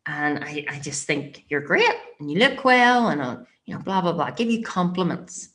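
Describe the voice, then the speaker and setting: A woman's voice: on the low side, sing-song, normal speed, fairly bright tone. A woman with a Northern Irish accent teaching as a motivational coach, speaking emphatically and directly to her listeners and checking in with them.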